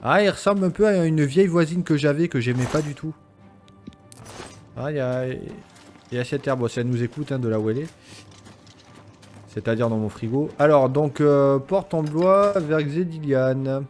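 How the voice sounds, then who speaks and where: A man's voice: medium pitch, a little fast, pauses often, darkish tone, soft background music. A man hosting a video game let's play, rambling and swearing playfully as he keeps interrupting himself mid-sentence. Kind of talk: casual gameplay commentary.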